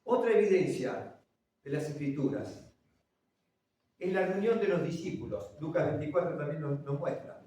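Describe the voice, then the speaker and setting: A man preaching a sermon, swinging between loud, urgent lines and hushed ones and putting questions to the congregation. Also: a little high, very animated, normal speed. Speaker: pastor. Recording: very echoey church, from far off.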